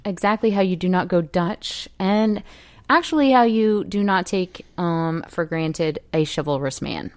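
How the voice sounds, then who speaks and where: A woman's voice: fairly low pitch, no room sound. A woman co-hosting a casual chat, chiming in with short reactions. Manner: short reactive interjections, slow.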